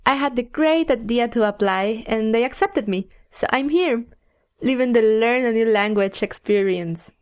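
High-voiced woman, learner. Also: measured pace, clean tone. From Mexico. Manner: playful, repeats phrases as learner. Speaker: co-host and student. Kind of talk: scripted lesson dialogue.

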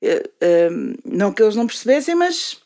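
A woman's voice: medium pitch, big pitch swings, moderate pace, mellow. A woman in her thirties from a Brazilian family, speaking with a European Portuguese accent, chatting and telling personal stories as a podcast co-host with English slang mixed in. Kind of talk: casual chat, personal anecdotes.

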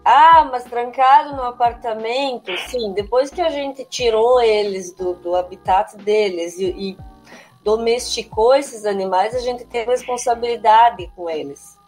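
A woman's voice: on the high side, a little slow, darkish tone, faint music behind. A woman who writes children's books and teaches, chatting casually in an interview and often adding little tag questions. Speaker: children's book author and teacher.

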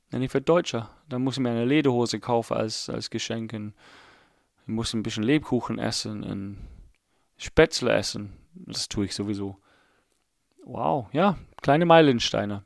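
A creaky, unhurried mid-range voice belongs to this podcast host, an Englishman in his late thirties whose first language is English. On his casual solo show he speaks German with an English accent, rambling and self-mocking as he thinks aloud, in studio-quality audio with no room sound.

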